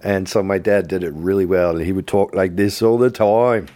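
A man hosting a casual radio show, chatty and relaxed. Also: low-pitched, moderate pace. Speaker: host.

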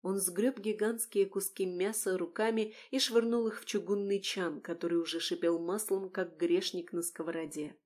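A woman reading a first-person audiobook in a wry, expressive storytelling manner. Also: on the low side, moderate pace, hardly any pauses. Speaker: audiobook narrator.

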